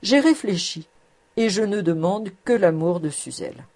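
A woman's voice: mid-range voice, animated, normal speed, a little mellow. A woman reading the lines of a lovestruck young male suitor, speaking with fervent, heartfelt eloquence. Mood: tender.

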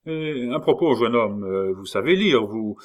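A man's voice: medium pitch, expressive, measured pace, close to an everyday voice. A man reading aloud and voicing a sly, jovial male tavern-keeper and convict who talks in a familiar, mocking way. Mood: boisterous, scheming.

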